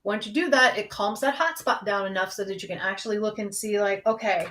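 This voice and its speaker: A young adult woman speaks as a counselor, candid and conversational. Her pitch sits in the middle range, and she talks straight to her listeners about coping with worry. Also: a little fast, a bit bright. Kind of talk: casual talk on anxiety.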